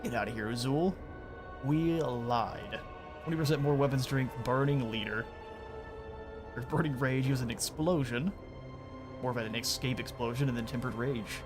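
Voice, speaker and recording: A man streaming a strategy game, giving relaxed, chatty commentary and explaining his moves and the game's lore as he plays. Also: medium pitch, moderate pace, music in the background. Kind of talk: casual gameplay commentary.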